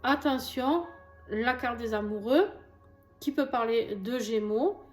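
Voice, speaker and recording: Speaking slowly in a somewhat high voice, a southern French woman reads tarot casually for her viewers on camera. Her delivery is chatty and reassuring, full of fillers and asides, and the echoey room has faint music in the background.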